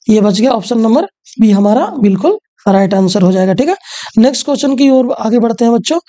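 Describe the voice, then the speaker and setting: A woman's voice: fairly high pitch, dark tone. Woman teacher. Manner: repeats rhetorical questions to students. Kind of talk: exam question walkthrough.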